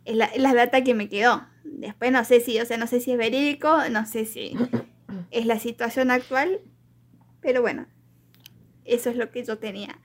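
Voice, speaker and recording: High-voiced giggly Argentine woman. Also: steady tone, moderate pace. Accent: Argentine Spanish. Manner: giggly, rambling, teasing. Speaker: podcast co-host. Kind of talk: casual chat.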